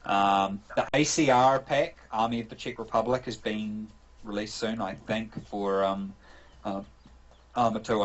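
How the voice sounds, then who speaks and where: Low-voiced New Zealand man, rambling. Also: muffled recording. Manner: thoughtful, rambling, with many fillers and restarts. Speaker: game developer guest. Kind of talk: casual interview answers over an online call.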